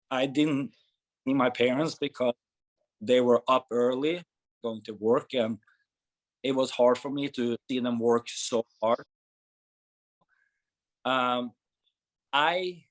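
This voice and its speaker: A man's voice: mid-range voice, low-quality recording. Norway-raised guy in his 30s, gym founder, earnest answers, lots of restarts, mid voice. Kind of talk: conversational interview answers.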